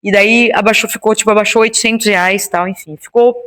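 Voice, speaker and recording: A woman's voice: medium pitch, fast. A woman being interviewed about her project, telling a story casually and acting out the dialogue in it. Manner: animated, acts out the dialogue in her stories. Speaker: interview guest, founder of a women's Bible study.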